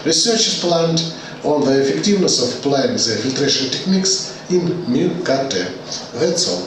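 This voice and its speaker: A man presents research findings at a conference in a halting way, repeating phrases and filling pauses with "uh". He sounds far from the mic, in a very echoey space with faint noise behind. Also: on the high side, lively intonation. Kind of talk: reading a technical presentation.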